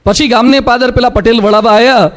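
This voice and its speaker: A man's voice: very high voice, steady tone, brisk. A man with a Gujarati accent, a monk giving a sermon, telling stories and acting out the people in them. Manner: storytelling, voices quoted speakers in asides. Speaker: monk preacher.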